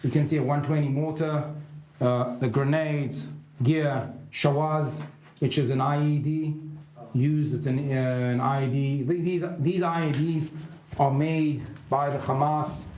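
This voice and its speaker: A man guiding reporters through an underground tunnel, speaking haltingly with lots of fillers, his voice carrying a cave echo. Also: fairly high pitch, fairly even intonation, a little mellow, a little hiss or hum. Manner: halting, many fillers and restarts. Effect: cave echo from inside a narrow tunnel. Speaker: military officer guiding a tunnel tour. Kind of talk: on-site explanation to reporters. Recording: echoey tunnel, music laid over.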